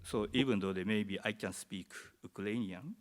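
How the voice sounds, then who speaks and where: In a large, reverberant conference hall, a Japanese man gives a presentation in English. His voice is fairly low, and he speaks haltingly, searching for words.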